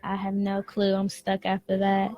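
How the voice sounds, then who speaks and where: A woman, a singer, talking casually in an interview, soft-spoken and slangy, with hesitant restarts. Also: medium pitch, monotone, moderate pace, dull audio.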